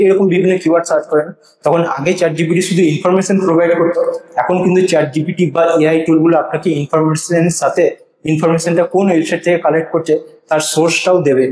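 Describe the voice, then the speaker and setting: Man, rapid confident tutorial delivery, recorded in a bare room with heavy echo. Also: a little high, darkish tone. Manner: earnest, confident advice-giving. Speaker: blogging and SEO YouTuber. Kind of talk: casual tutorial monologue to camera. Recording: echoey untreated room.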